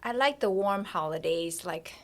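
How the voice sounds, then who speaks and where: A woman originally from Taiwan, a doctor and podcast guest, answering casual questions in a relaxed, modest way, often trailing off softly. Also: fairly low pitch, moderate pace. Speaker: physician guest. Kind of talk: casual interview chat.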